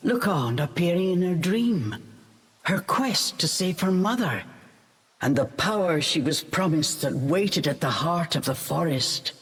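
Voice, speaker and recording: A woman narrating a storybook game in an expressive, measured way. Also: on the low side, breathy edge, faint music behind.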